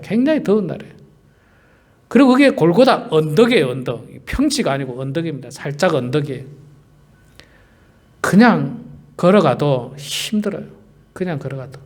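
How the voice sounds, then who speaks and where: Male pastor, high lively voice, emphatic preaching with repeated words and rhetorical questions. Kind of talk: sermon.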